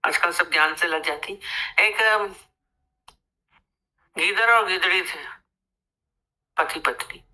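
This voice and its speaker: A woman spiritual teacher with a lowish but bright, clear voice. She teaches and tells a fable in a conversational, animated way. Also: takes it slowly, long pauses, poor audio. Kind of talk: sermon with storytelling.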